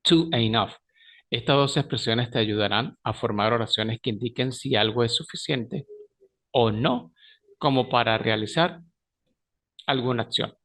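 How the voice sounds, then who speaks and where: A man's voice: medium pitch, unhurried, a bit bright. A man teaching an English lesson, who often stops to correct himself mid-sentence. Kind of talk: recorded language lesson.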